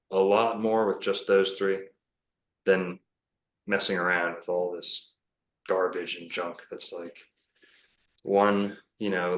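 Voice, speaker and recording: A bookstore owner with a low voice talks casually as a podcast guest in an echoey room. He rambles in a self-assured way, with many fillers and restarts.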